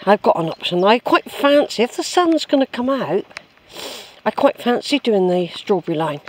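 A mid-range, sing-song voice at a moderate pace, with a little hiss or hum. A walking vlogger chats casually and muses aloud on a woodland track outdoors, rambling as he or she goes. It's captured by a handheld camera's built-in microphone.

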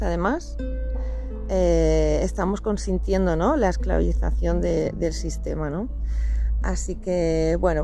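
Lady explaining her rights, earnest, keeps asking "right?", soft music under her. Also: mid-range voice, creaky. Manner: earnest, many rhetorical "¿no?" tags. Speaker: channel host. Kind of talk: explanatory talk to camera.

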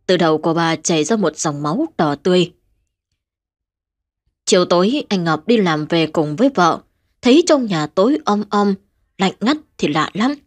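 A woman's voice: fairly low pitch, animated, moderate pace. Woman narrating a ghost story.

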